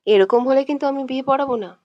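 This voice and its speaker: A woman's voice: high-pitched, no room sound, dull audio, voice pushed up, close to an everyday voice. A woman voicing a fussy, easily frightened older male marriage registrar in a read-aloud audio story. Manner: fussy, then hurried and placating.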